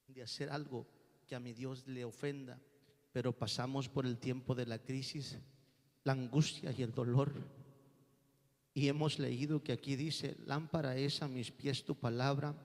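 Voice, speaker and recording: A man preaching a fervent sermon, rising at times to shouting, in a church hall. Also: mid-range voice. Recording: long hall reverb.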